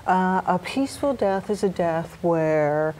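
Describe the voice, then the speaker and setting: A middle-aged woman speaks as a hospice nurse being interviewed. Her voice is low and warm, with soft, halting phrasing that searches for words. A faint noise sits behind her in the studio recording. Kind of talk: interview answers. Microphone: lapel mic.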